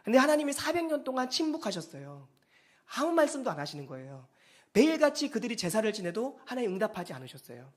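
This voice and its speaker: A pastor giving a Sunday sermon in a church, animated and acting out quoted speech. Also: mid-range voice, quick pace.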